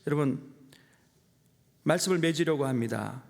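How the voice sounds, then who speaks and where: A man's voice: a little high, moderate pace, gravelly, a little mellow. A middle-aged male pastor preaching a sermon, telling a personal story with humor and emotion. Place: church sanctuary. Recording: long hall reverb.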